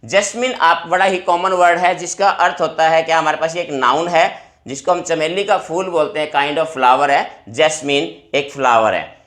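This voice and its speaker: A male teacher explaining vocabulary words to exam students, repeating each word slowly. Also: a little high, a bit bright.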